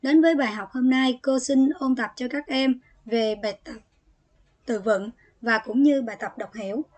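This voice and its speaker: A woman's voice: sits high, normal speed, darkish tone. A woman English teacher with a Vietnamese accent, talking students through vocabulary exercises and reading English words aloud between explanations. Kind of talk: exam exercise walkthrough.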